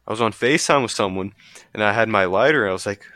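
A man co-hosting a podcast, chatting casually and cracking blunt, deadpan jokes. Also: on the low side, fast talker, dry recording, clean studio sound. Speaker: podcast co-host. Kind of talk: casual chat.

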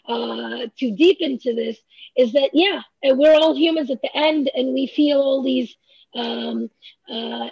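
Speaking in a high, gravelly voice with a darkish tone, an author and language researcher gives interview answers. She is thoughtful, often restarting and filling gaps, and the slightly dull lo-fi audio has no echo.

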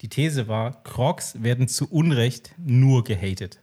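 Verspielter Podcast-Gastgeber mit behauchter Stimme. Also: male voice, medium pitch, animated, unhurried, mellow, slightly rough. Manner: playful, laughs often, tries out puns. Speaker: podcast host. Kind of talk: casual podcast chat.

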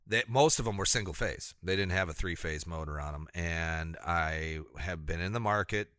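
Deep, scratchy smoker's rasp, a man. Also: moderate pace, pushed and bright, no room sound, studio quality. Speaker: podcast co-host, maker. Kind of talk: casual chat.

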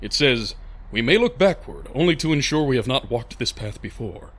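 A man acts a big, solemn outlaw in an audio drama. He phrases everything formally and carefully in a mid-pitched voice, stoic with hidden tenderness. A faint bed of ambient noise sits behind him. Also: sing-song, natural voice. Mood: solemn, matter-of-fact. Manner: formal, stilted, deliberate phrasing without contractions.

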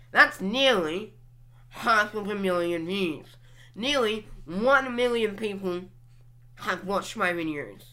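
A woman's voice: mid-range voice, pushed and bright. A young woman hosting her own podcast, musing aloud while clicking through her social media accounts. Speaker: podcast host reviewing her channel stats. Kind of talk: casual solo commentary.

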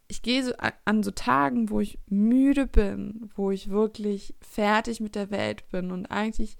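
A woman's voice: medium pitch, steady tone, unhurried, gravelly, dry recording, clean studio sound. A woman in her twenties talking reflectively in a casual personal monologue, often searching for her words. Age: 20s.

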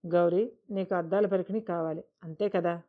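A woman voicing a poor, gentle middle-aged father who speaks tenderly and with quiet resolve, in a read-aloud story. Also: lowish voice, fairly even intonation, normal speed, close to an everyday voice. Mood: reassuring. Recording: dull lo-fi recording.

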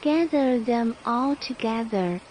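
A woman leads a guided relaxation in a soft, soothing spa manner. Her high voice is mellow and very slow. Ambient noise sits behind her. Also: lively intonation. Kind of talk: guided meditation narration. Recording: noisy ambient background sound.

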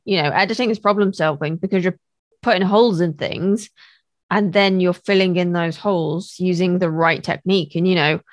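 A woman's voice: lowish voice, no echo, clean studio sound. A young woman hosting a podcast, talking conversationally and with emphasis. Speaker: podcast host.

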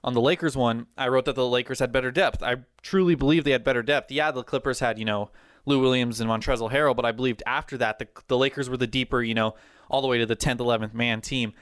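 Sports podcast host, man, mid-pitched and clean-toned, talks fast and keen like a hyped-up fan. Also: dry recording, clean studio sound. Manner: energetic, rambling, fan enthusiasm. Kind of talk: casual sports chat.

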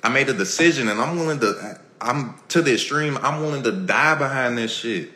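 A man's voice: mid-range voice, animated, fairly quick, pushed and bright. A man hosts a motivational podcast, talking in a medium register. He preaches his points emphatically, repeats himself and acts out little everyday exchanges. The room gives his voice a noticeable echo. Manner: preachy, repetitive, emphatic, acting out everyday dialogue. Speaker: podcast host. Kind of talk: motivational talk to a live audience.

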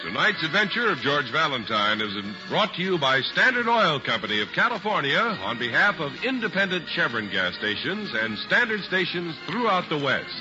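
A man's voice: fairly high pitch, sing-song, moderate pace, hardly any pauses. An American man reading scripted announcements in vintage mid-century radio style. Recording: muffled vintage radio recording with music.

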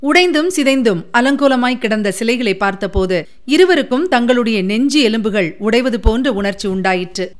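A woman narrating a historical novel as an audiobook, steady and expressive. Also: fairly high pitch, normal speed.

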